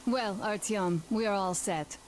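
Woman acting an earnest, brisk young soldier woman. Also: medium pitch, a little hiss or hum, natural voice. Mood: businesslike. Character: capable young female soldier, affectionate, then briskly businesslike. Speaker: squad member giving a mission briefing. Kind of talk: video game voice acting.

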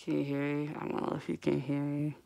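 Low gravelly mumble through gauze-stuffed mouth. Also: female voice, monotone, brisk, mellow, no room sound. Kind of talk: casual voice message.

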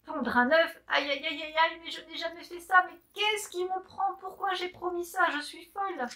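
A woman's voice: sits high, normal speed, sharp tone. Woman voicing Carmela, a squealing little hen. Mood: flustered. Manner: squealing, breathless exclamations.

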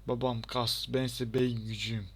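A young man giving chatty, excitable let's-play commentary and talking back to the game. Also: mid-range voice, moderate pace. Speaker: gaming channel host.

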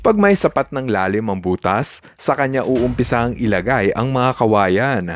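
A man's voice: medium pitch, animated, normal speed, faint music behind. Upbeat male narrator. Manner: upbeat, with Taglish asides and reactions. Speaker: host. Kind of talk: scripted voice-over narration.

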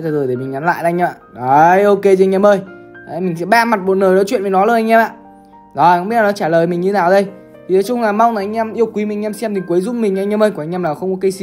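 A woman's voice: on the low side, a little mellow. A woman from Vietnam, giving chatty gaming commentary and constantly calling out to her viewers. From Bắc Giang, Vietnam. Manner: chatty, keeps calling out to the audience. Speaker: gaming streamer.

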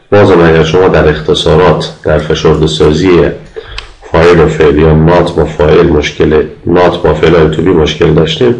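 A man with an Afghan Dari accent giving a recorded grammar lecture, patiently explaining and slowly repeating example sentences. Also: low-pitched, creaky, darkish tone, roomy sound, low-quality recording. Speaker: university English lecturer.

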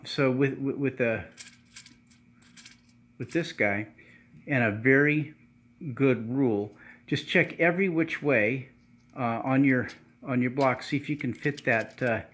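A middle-aged man giving a casual workshop how-to, talking in a halting way with many fillers and restarts. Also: medium pitch, a bit bright. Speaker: channel host restoring cars. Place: home garage workshop, indoors.

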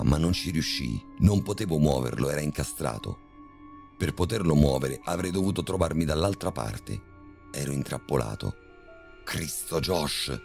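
A man narrating a horror story in a measured, tense storytelling manner. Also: rumbling low, gravelly, a little mellow.

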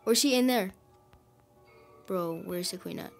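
A woman giving casual commentary over her gameplay. She gets excited quickly and grumbles at her teammates. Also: medium pitch, gravelly, faint music behind. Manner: excitable, quickly frustrated, calls teammates idiots. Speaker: gaming video host.

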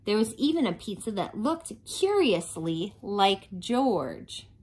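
A woman reading a picture book aloud to children in an expressive storytelling style. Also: medium pitch, slow, slightly rough. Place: small home playroom, indoors.

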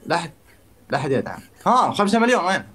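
A man's voice: a little high, sing-song, very fast, fairly bright tone, breathy edge. A man hosting his own live stream, rallying his supporters and calling out donors by name. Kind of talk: live-stream battle banter.

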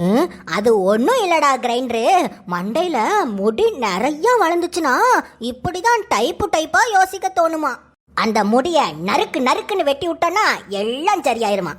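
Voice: sits high, big pitch swings, moderate pace. Gloating cartoon villain boss, voiced by one artist. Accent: southern Tamil, Thoothukudi. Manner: gloating, barking orders. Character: scheming male villain boss, bossy and gloating. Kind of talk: cartoon voice acting.

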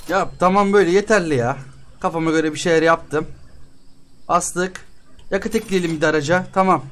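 A man's voice: fairly high pitch, normal speed, music in the background. A man hosting a game let's-play, chatting with the characters on screen as he haggles over prices and often bursts out in exasperation. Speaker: gaming channel host.

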